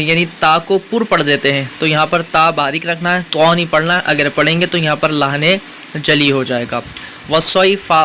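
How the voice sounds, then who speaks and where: A man's voice: fairly high pitch, bright, forceful tone, a little hiss or hum. A man teaching Quran recitation rules in a patient, methodical way, spelling out letters one by one. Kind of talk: step-by-step tajweed lesson.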